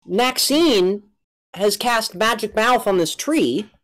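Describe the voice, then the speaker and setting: A woman narrating a tabletop game as game master, casual and halting as she thinks aloud. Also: a little high, expressive.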